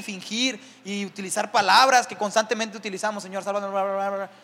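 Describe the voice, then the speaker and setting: A high-pitched man delivers a sermon from the pulpit, swelling to emphatic peaks and checking in with the congregation through repeated rhetorical asides. His voice carries a long reverb through the church hall. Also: a bit bright. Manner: preaching with rising emphasis and frequent rhetorical "¿verdad?". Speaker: pastor.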